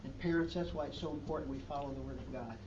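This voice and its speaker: Captured from afar in a church hall, this muffled recording with background noise features a pastor delivering a sermon. His medium-pitched voice moves fast, earnestly pressing his points with emphatic rising questions.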